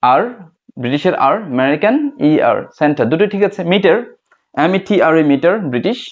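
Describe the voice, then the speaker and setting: A Bengali-speaking man teaching an English lesson, repeating each point slowly and asking and answering his own questions. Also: fairly high pitch, lo-fi sound. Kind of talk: classroom lesson.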